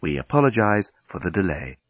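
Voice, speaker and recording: A man voicing a calm, formal machine voice that reassures a patient. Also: deep voice, brisk, no echo, dull audio, pitched below the performer's own voice. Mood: soothing. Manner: smooth, soothing, formal.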